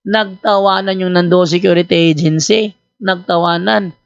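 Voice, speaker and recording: Animated male priest telling a story. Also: high-pitched, normal speed, vocal fry, dry recording, muffled recording. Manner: animated, teasing storyteller acting out both sides of a dialogue; conversational, with frequent fillers and restarts. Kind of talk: storytelling apologetics talk.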